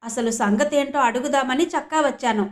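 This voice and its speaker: A woman voicing a bustling, chatty village mother who fusses and talks briskly. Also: high voice, close to an everyday voice. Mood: fussing. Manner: brisk, fussing.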